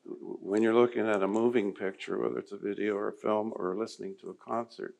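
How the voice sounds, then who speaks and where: A man's voice: on the low side, steady tone, fast, gravelly, a little mellow. A man, an artist on a panel, talking casually with playful banter.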